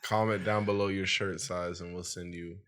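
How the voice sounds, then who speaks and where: Low-voiced, teasing male co-host. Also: level tone, moderate pace, a bit bright. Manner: teasing, blunt, swears casually. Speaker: podcast co-host. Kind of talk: casual podcast banter.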